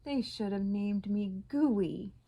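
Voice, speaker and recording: A woman's voice: medium pitch, slow pace, warm tone. Meek little storybook porcupine, polite and wistful, as read by a woman. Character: small gentle male porcupine, polite and wistful.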